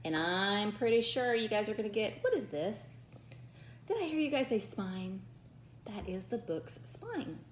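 A teacher in her forties reads a picture book aloud to young children, encouraging them, tossing in chatty asides and asking the unseen kids questions. Her medium-pitched voice is sing-song and unhurried. The room echoes, with faint background noise.

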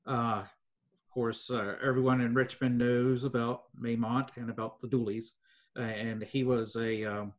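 An older man, telling local history in an interview at an even pace with many fillers. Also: mid-range voice, highs cut off. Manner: measured storytelling with frequent fillers. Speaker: foundation president, guest.

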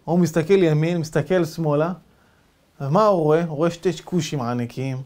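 A rabbi telling a dramatic story in an animated, lively way as a sermon. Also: male voice, on the high side.

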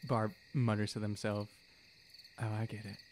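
A young man with a fairly low, level, slightly mellow voice chats casually and improvises as a player in a tabletop game, speaking at a moderate pace close to a podcast mic on a stand. He's indoors in a small studio room, and there's a little hiss or hum.

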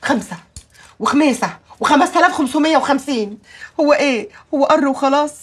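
Actress as a frantic high-voiced Egyptian mother, rapid lamenting, TV comedy. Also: natural voice. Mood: brooding. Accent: Egyptian Arabic. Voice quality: wailing, lamenting. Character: anxious middle-aged Egyptian mother of many sons.

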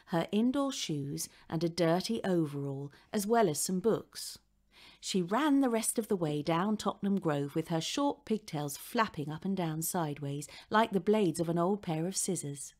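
A woman reading a children's storybook aloud in a gentle, even storytelling manner. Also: on the low side. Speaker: audiobook reader.

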